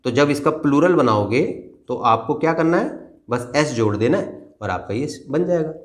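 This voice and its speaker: A man's voice: mid-range voice, expressive, moderate pace. A man teaching a basic grammar lesson to children, patient and repetitive, often checking that they have understood.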